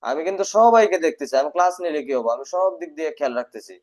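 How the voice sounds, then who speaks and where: A man's voice: fairly high pitch, big pitch swings, racing. A man teaching a live online English class, sternly drilling his students by having them repeat words. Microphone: video call. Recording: dull lo-fi online class audio.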